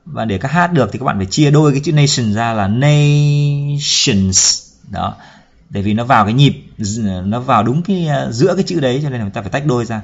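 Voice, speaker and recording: A man teaching a song lesson, explaining each line slowly, then singing it slowly himself. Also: medium pitch, animated, gravelly. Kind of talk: spoken lesson with sung demonstrations. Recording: dull lo-fi recording.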